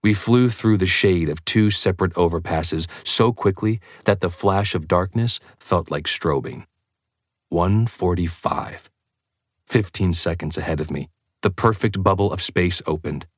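A man reading a first-person audiobook in a measured, intense storytelling manner. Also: deep voice, no echo, clean studio sound. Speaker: audiobook narrator. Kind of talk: scripted first-person narration.

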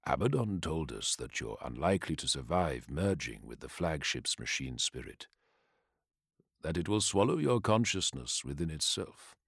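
A man doing a hushed, reverent swordsman. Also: rumbling low, very animated, moderate pace, husky, dry recording, clean studio sound, pitched below the performer's own voice, heavily acted. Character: calm, reverent male swordsman storyteller.

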